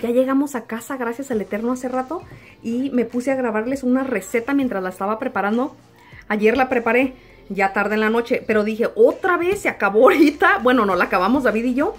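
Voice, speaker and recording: A young woman talks casually to her phone camera, chatty and warm in tone, her voice sitting a little high. She slips English words into her talk now and then. Faint music plays underneath. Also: fairly even intonation, brisk. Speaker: vlogger. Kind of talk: casual vlog chat. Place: Tucson, Arizona.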